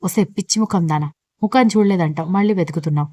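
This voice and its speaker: A woman voicing a sharp-tongued young woman who teases and scolds her friend. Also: fairly low pitch, fast, no room sound, natural voice. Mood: scolding. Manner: scolding, teasing.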